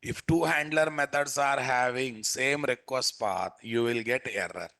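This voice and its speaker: A man's voice: mid-range voice, unhurried, bright, forceful tone. A man with a Telugu accent teaching a live programming lesson as an instructor, repeating phrases and often checking with his listeners through questions. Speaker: software instructor.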